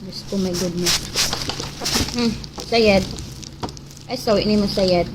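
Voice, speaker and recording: A mother vlogging from a rural mountain home, talking to the camera in a loose, rambling way and joking at her own expense while slipping into English. Her voice sits at an ordinary pitch for a woman. Loud, steady background noise runs under the whole recording. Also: slow pace. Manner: rambling, joking, self-mocking, mixing in English. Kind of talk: casual chat to camera. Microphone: camera facing her.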